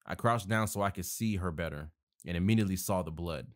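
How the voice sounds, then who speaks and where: A man's voice: low-pitched, fairly quick. A man narrating a horror story, reading casually with self-corrections and joking asides.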